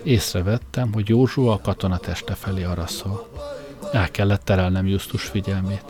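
A man's voice: low voice, steady tone, crowd noise. A man narrating an audiobook in a wry, comic first-person storytelling style.

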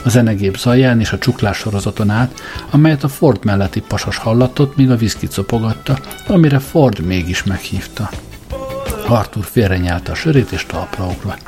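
A man narrating an audiobook in a dry, measured storytelling manner. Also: on the low side, a little mellow, faint music behind.

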